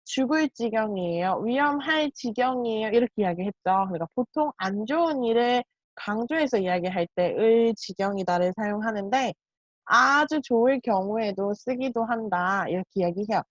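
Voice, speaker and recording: A woman teaching a language lesson, explaining each point slowly and repeating example sentences. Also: on the high side, animated, no room sound. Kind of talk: Korean grammar lesson. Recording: dull, muffled lo-fi sound.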